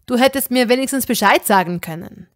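A woman's voice: a little high, expressive, brisk, no room sound, studio quality, close to an everyday voice. A woman doing a level-headed young male wizard, reproachful, plain-spoken, audiobook. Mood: annoyed.

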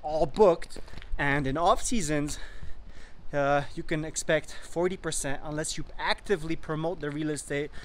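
A man's voice: normal speed, a little hiss or hum. A young man hosting a property vlog, speaking persuasively to a phone held at arm's length outdoors at a sunny mountain resort. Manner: upbeat and persuasive, pitching to investors. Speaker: real estate investor and vlog host. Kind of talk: enthusiastic sales vlog to camera. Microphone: phone held at arm's length, selfie video.

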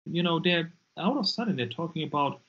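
A man's voice: a little high, animated, a little fast. German-accented man, emphatic, lo-fi call. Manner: emphatic, repeats words when pressing a point. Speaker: guest, deliverance minister. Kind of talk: casual interview talk. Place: dim room indoors. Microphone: earbuds on a video call. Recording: lo-fi video call audio.

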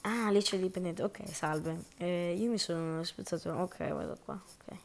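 Gravelly-voiced woman narrating a game role-play. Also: lowish voice, normal speed, slight background noise. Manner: chatty, narrates her own actions. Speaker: gaming channel host. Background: background music.

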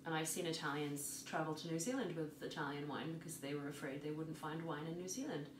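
Chatty young woman co-hosting a wine podcast, lowish voice, echoey room with faint hum. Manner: animated, chatty, quick laughs. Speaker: podcast co-host. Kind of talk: casual wine-tasting chat.

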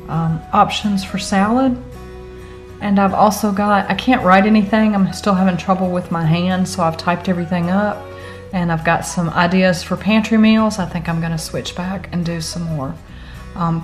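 A middle-aged woman hosting a cooking channel, chatting casually and talking through prices and meal plans, filmed at arm's length in a parked car. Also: fairly low pitch. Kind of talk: casual vlog chat.

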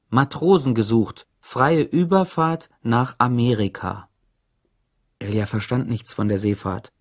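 A man narrating an audiobook in an expressive storytelling manner. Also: mid-range voice, breathy edge. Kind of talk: scripted narration.

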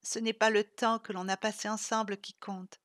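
A woman reading the lines of a gentle, weary man cursed for centuries, speaking softly and tenderly. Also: mid-range voice, flat delivery, moderate pace, dry recording, studio quality, lightly acted.

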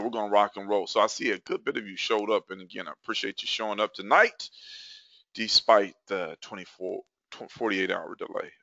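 A man hosts a live online webinar in a hyped, chatty way, repeating himself and piling on fillers. His voice is bright and swings widely in pitch. The sound is dry and dull, like a lo-fi computer mic. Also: no echo. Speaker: webinar host.

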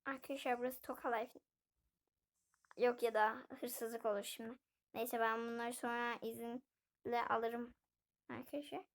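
A woman's voice: on the high side, little pitch movement, unhurried, pauses often. A woman casually narrating her play of a life-sim game, chatting to her viewers as she goes. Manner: chatty, keeps addressing viewers directly. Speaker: gaming video host.

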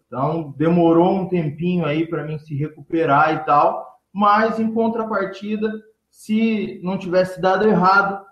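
A man, a teacher of entrepreneurship, answering interview questions in relaxed talk with many fillers and trailing phrase ends. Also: fairly high pitch, echoey room, dull audio. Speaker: entrepreneurship teacher and speaker, guest.

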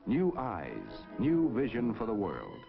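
A man's voice: lowish voice, wildly swooping pitch, slow pace, creaky. 1950s broadcast man, lo-fi with music. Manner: stately, declamatory announcer delivery. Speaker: narrator. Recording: dull lo-fi 1950s film soundtrack with music.

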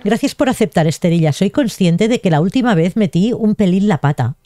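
A woman's voice: mid-range voice, lively intonation, fairly quick, mellow, close to an everyday voice. A woman reading aloud the lines of a shy young male villager who loves trees, in a bashful, rambling way. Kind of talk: reading game dialogue aloud.

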